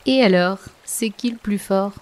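A woman's voice: fairly low pitch, moderate pace, mellow, lightly acted. A woman voicing a vain, cunning male wolf in a children's storybook, who talks in a mocking, teasing way. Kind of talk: storybook voice acting.

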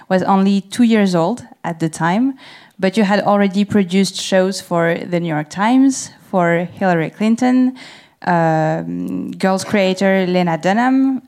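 A woman's voice: medium pitch, a little mellow. French woman interviewing in English. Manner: reads prepared introduction, laughs easily. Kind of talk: prepared on-stage interview. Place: event stage before an audience.

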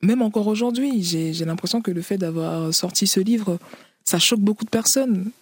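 A woman's voice: medium pitch, moderate pace, breathy edge, no room sound. A woman author from the Paris region, interviewed, speaking hesitantly with many fillers and frequent laughs. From Paris region, France. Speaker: author guest. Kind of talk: interview conversation.

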